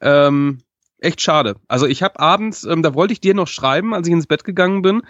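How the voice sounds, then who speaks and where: A man's voice: on the high side, normal speed, no echo. Man co-hosting over a dull dry line. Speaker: podcast co-host. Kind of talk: casual wrestling chat.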